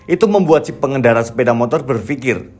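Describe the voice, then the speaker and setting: A man's voice: medium pitch, faint music behind. Male narrator of a spooky folk tale. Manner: steady, measured storytelling. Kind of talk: scripted horror story narration.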